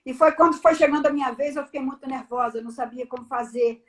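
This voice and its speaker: High-voiced woman giving a testimony. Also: fast talker. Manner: animated storyteller, acts out the dialogue. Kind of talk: personal testimony on a live stream.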